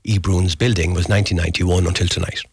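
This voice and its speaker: A low-pitched man with a west of Ireland accent from Galway talks informally in a radio interview. His voice is notably smooth and clear, recorded close and dry. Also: steady tone, fast, no echo. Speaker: guest, postcard designer.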